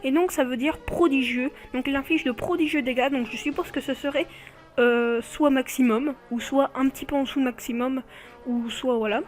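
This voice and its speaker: A woman's voice: high-pitched, steady tone, normal speed, faint music behind. A woman hosting a casual video showcase of game cards, chatting and often correcting herself mid-sentence. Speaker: video host.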